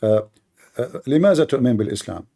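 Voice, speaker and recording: A male host runs a live debate stream, his voice dark and mellow at a middle pitch. He talks bluntly and switches between languages. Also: animated, very fast, creaky.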